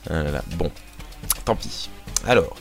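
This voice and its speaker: A man's voice: very deep voice, lively intonation, unhurried, gravelly, music in the background. A man hosting a live show in casual chat, reading out listener messages with joking banter. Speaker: host.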